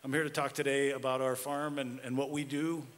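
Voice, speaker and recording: A man's voice: mid-range voice, flat delivery. An American man giving an informal conference presentation as a guest speaker. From Pennsylvania, United States. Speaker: guest speaker, regenerative livestock farmer. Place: large reverberant hall. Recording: echoey hall with background noise.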